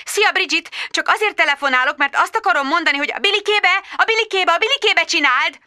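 A woman voicing a harried young mother on the phone who talks rapidly and turns sarcastic and weary, in a storybook reading. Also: extremely high pitch, lively intonation, bright, forceful tone, voice pushed up, exaggerated voice. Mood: bossy.

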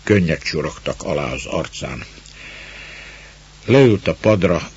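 A man reading a story aloud in a measured, scripted narration. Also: low voice, slightly rough. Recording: dull lo-fi recording.

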